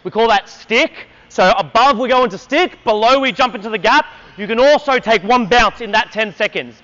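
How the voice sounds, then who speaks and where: A man's voice: very high voice, moderate pace, bright, forceful tone, muffled recording. A man coaching a basketball clinic on an indoor court, energetically calling out drills and counting down for players.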